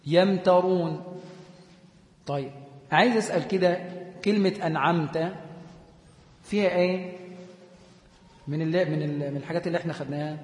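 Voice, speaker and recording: A man with an Egyptian accent teaches a classroom lesson. His voice sits high for a man, and he walks through each point patiently, repeating definitions and putting questions to his students. The sound is roomy with a long, ringing reverb. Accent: Egyptian Arabic. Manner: explains step by step, repeats definitions, quizzes students. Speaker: Quran recitation teacher. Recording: echoey room with long reverb.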